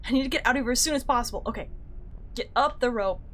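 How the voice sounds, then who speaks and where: A woman streamer playing a horror game live, excitable and yelping at every scare. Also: on the high side, fast. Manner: excitable, yelps and squeals at scares. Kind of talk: live gameplay commentary.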